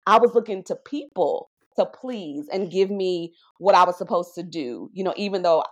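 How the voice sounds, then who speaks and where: A woman sharing her faith testimony in a podcast conversation, animated and preacherly, often checking in with "right?". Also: fairly low pitch, normal speed. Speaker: podcast guest.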